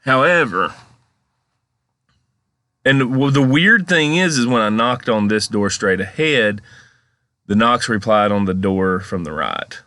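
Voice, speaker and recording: A man's voice: fairly low pitch, animated, measured pace, long pauses, bright, forceful tone, no room sound. A man giving casual, rambling, conversational commentary as a paranormal vlog host. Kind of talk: casual storytelling commentary over footage.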